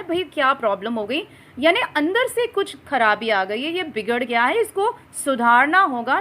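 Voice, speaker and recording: A woman teaching English vocabulary in a slow, explanatory manner, often addressing her viewers as friends. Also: sits high, pushed and bright. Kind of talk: vocabulary lesson.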